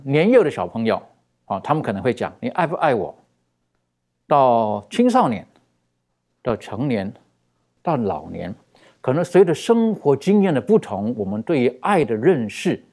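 A male preacher delivering a sermon in a relaxed, conversational teaching voice. His pitch moves in a lively way, and he stretches out key phrases for emphasis between frequent fillers. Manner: animated, with many fillers and drawn-out emphasis.

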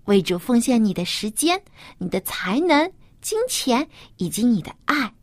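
A woman's voice: on the high side, big pitch swings, moderate pace, no echo. A woman hosting a children's Bible program, speaking to young listeners as if reading to a toddler, with simple questions put straight to them. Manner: addresses small children directly with simple rhetorical questions.

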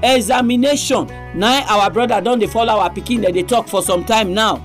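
A woman's voice: on the high side, brisk, soft background music. A woman with a Nigerian accent presenting a religious radio programme in Nigerian Pidgin. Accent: Nigerian, speaking Nigerian Pidgin.

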